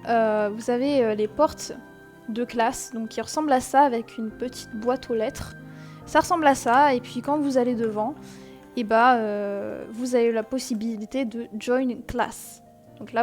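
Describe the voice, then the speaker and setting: A woman's voice: fairly high pitch, darkish tone. Chatty young woman explaining a game. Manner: chatty and explanatory, many fillers, self-mocking asides. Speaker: gaming tutorial host. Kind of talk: casual screen-recorded game tutorial.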